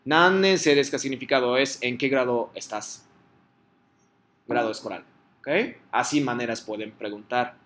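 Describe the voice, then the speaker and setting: A man teaches a lesson in Spanish. His voice is bright and clear, and he explains patiently, checking often that his students follow. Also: mid-range voice, fairly even intonation, normal speed. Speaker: Japanese teacher. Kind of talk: online class teaching Japanese in Spanish.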